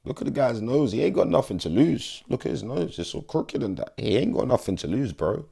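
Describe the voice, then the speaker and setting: A man's voice: mid-range voice, sing-song, brisk, gravelly, warm tone, husky. A young man giving casual, slangy fight predictions in an emphatic, pleading way. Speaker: MMA vlogger.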